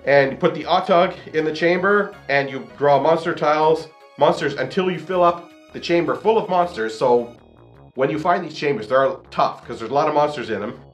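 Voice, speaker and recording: A man's voice: fairly high pitch, normal speed, soft background music. A man hosting a board game review, reading out rules and explaining them in his own words.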